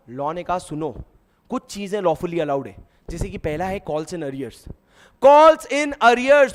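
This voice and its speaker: High-pitched male tutor with an Indian accent, drills points with rhetorical questions and mnemonics. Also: a bit bright. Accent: Indian English mixed into Hindi. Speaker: teacher. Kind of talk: exam revision lecture.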